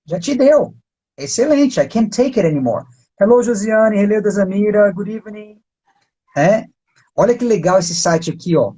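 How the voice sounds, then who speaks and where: A man with a Brazilian Portuguese accent, an English teacher giving a casual live-stream lesson, chatty and full of quick tag questions. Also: sits high, a little mellow, slightly rough. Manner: chatty, peppers talk with tag questions and pointers.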